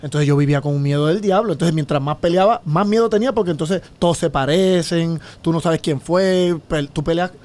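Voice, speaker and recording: Fast-talking animated man, podcast guest. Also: on the high side. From Dominican Republic. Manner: animated, fast storytelling with sound effects and gestures. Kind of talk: casual storytelling interview. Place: small studio with dark curtains. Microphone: studio mic on boom arm, headphones.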